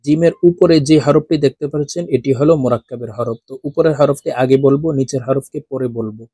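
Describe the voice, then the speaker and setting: A man teaches Quran reading in a recorded video lesson, reciting letters slowly and melodically with careful pronunciation while speaking directly to viewers. His medium-pitched voice is dark with a breathy edge, in studio quality with no room sound.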